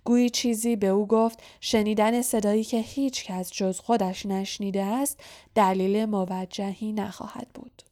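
A woman reads a novel aloud for an audiobook. Her narration stays hushed and breathy, often dropping near a whisper. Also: medium pitch, steady tone. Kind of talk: audiobook reading.

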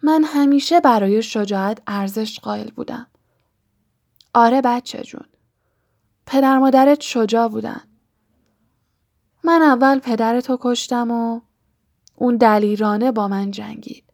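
A woman voicing a cold, menacing serpent-faced dark lord in a hissing whisper, in a storybook reading. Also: a little high, creaky, pauses often. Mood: mocking.

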